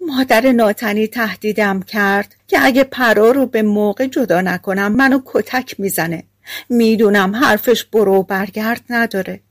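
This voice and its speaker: A woman's voice: medium pitch, no echo, clean studio sound, close to an everyday voice. A woman voicing a young, ill-treated girl who pleads in a tearful voice. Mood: pleading tearful.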